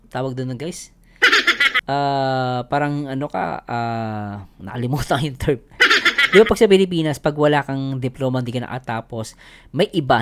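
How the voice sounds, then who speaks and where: A man from the Philippines hosting a vlog, chatting casually with viewers and laughing often as he talks. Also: a little high. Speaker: vlogger host. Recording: noisy recording.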